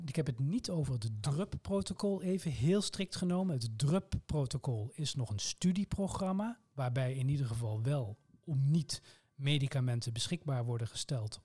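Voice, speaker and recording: A man with a Dutch accent, answering interview questions in a measured, formal way with precise terms. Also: medium pitch, darkish tone. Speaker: medical oncologist guest.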